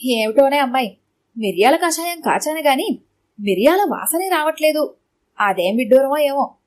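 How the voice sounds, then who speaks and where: A woman voicing a teasing, sharp-tongued old grandmother in a storybook reading, with a blunt, mocking way of talking. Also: sits high, animated, normal speed. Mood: puzzled.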